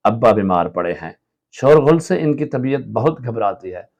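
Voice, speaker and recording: A man reading a play aloud and voicing a shrill, nagging housewife who keeps scolding her child. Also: lively intonation, normal speed, a little mellow.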